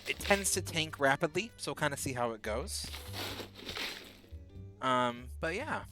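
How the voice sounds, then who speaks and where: Over background music, a young man in his 20s rambles to his stream chat during a game, responding to comments while stuck in bed with a mild illness. He speaks a little high and unhurriedly, with lively intonation.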